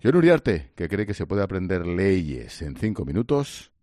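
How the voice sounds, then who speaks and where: Low-voiced bantering radio host man. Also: big pitch swings, a little slow, a little mellow, no room sound, clean studio sound. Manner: bantering, introduces segments. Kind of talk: radio show hosting.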